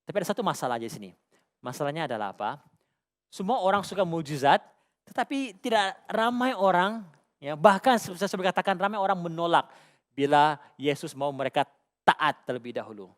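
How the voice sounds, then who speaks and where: Malaysian pastor with a higher voice. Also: male voice, lively intonation, a little fast. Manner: conversational, asks the congregation questions, chuckles. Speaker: lead pastor. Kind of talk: sermon with personal stories. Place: church stage.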